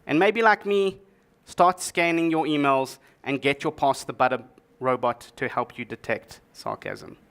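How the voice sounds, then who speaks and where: A man's voice: medium pitch, very animated, measured pace, creaky, a bit bright, a little hiss or hum. A man giving a humorous tech talk at a conference, joking as he presents. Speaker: conference speaker.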